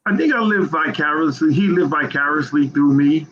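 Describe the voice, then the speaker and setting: A man in his fifties, an author, answering interview questions in an earnest, halting way, often repeating words. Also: fairly high pitch, muffled recording, noisy background. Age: 50s. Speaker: author as guest.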